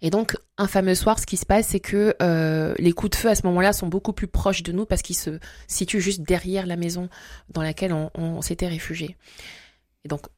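A woman raised in Congo-Brazzaville, telling her faith testimony as an interview guest, hesitant with many pauses and fillers. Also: lowish voice, a little mellow, no room sound, clean studio sound.

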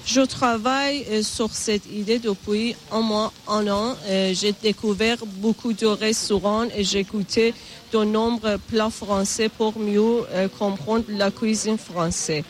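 Slow, careful Iranian woman caterer. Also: mid-range voice, fairly even intonation, a little hiss or hum. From Iran. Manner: slow, careful, hesitant with fillers. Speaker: caterer interviewee.

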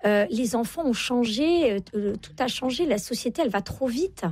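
With a high-leaning, lively voice that's a little mellow and husky, a woman in her 40s gives parenting advice as an interview guest and author. She speaks at a moderate pace, emphatic and repeating key phrases to press her points. The recording has no echo.

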